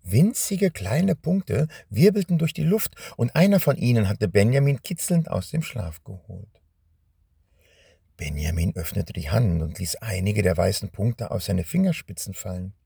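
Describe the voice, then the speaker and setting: A man reading a children's story aloud in a calm, expressive way. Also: fairly low pitch, unhurried, vocal fry, husky, no room sound, studio quality.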